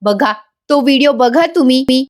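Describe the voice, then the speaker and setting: A woman voicing a playful, pushy young wife in a serial recap, scolding and excited. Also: sits high, moderate pace, voice pushed up, lightly acted.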